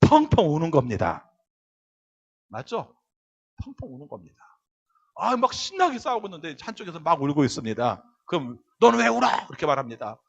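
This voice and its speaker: Lively male pastor preaching. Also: a little high, brisk, pauses often, muffled recording. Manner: animated preaching, acts out quoted voices, keeps checking in with the congregation. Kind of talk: sermon.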